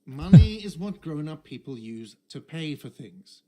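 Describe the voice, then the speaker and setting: A grumpy cafeteria manager. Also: male voice, a little high, very animated, unhurried, mellow. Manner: curt, irritable, defensive. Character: grumpy male cafeteria manager, petty about money. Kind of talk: video game voice acting.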